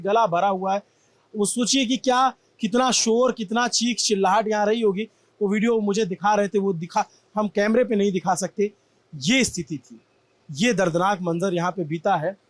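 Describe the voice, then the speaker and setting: A field reporter from Prayagraj, India, delivers an impassioned, emphatic news report from a shop damaged in a crowd crush. His voice is high-pitched with fairly even intonation, and he speaks at a moderate pace with no echo.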